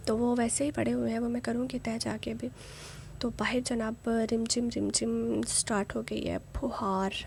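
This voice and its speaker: A woman's voice: fairly high pitch, vocal fry, a little mellow, a little hiss or hum. A young woman, narrating a casual home vlog in a chatty, rambling way with many fillers. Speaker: vlogger.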